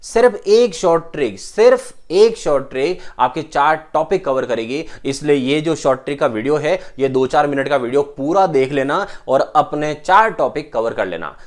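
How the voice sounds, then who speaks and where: A male maths teacher with a voice pitched a little above most men. He teaches emphatically, firing questions at the class and answering each one himself. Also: expressive, moderate pace, hardly any pauses. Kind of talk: whiteboard maths lesson.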